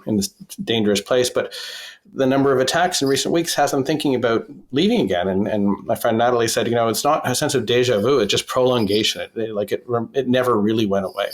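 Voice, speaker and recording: A man reporting by phone from a basement as a foreign correspondent, measured and full of fillers and restarts. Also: lowish voice. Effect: phone line. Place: basement in a war zone.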